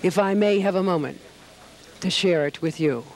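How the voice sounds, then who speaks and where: A woman's voice: lowish voice, moderate pace, darkish tone. An older woman comedian on a theater stage, delivering a wistful, theatrical monologue in rhyme to a live audience. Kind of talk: reflective stage monologue recited over piano. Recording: live stage show with piano accompaniment. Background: piano playing.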